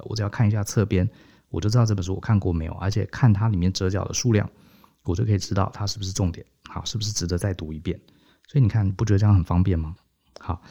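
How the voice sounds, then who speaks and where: A man's voice: sits low, gravelly, warm tone. A man, co-hosting a podcast, explaining his methods step by step in a casual way, often tagging sentences with little checks like "hao". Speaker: podcast co-host. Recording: dull lo-fi podcast audio.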